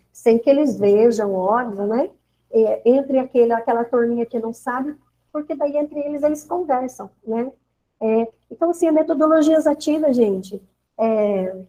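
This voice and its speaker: A woman with a Brazilian Portuguese accent, a schoolteacher telling an animated story of a lesson in a course discussion. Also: high-pitched, rough recording. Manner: animated storyteller, acting out classroom exchanges. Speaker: schoolteacher sharing classroom experience. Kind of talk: informal spoken account in a course discussion.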